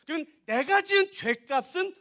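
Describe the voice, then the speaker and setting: A man's voice: very high-pitched, expressive, normal speed, pushed and bright. A man preaching at a revival service in a church, emphatic and direct with the congregation, often acting out little dialogues. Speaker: pastor. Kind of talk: revival sermon. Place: church sanctuary.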